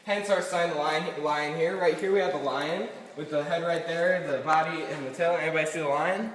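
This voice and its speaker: A man's voice: fairly high pitch, fairly even intonation, brisk, a bit bright. Male cave guide in heavy cave echo. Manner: joking, dryly humorous patter. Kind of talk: informal guided tour talk. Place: inside an underground limestone cave. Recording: cave echo, long reverb, distant mic.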